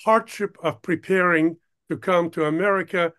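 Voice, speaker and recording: An older man from Ukraine, a producer, talking as an interview guest in a halting way, stopping often to search for words. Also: high-pitched, steady tone, fairly bright tone. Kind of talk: casual interview talk.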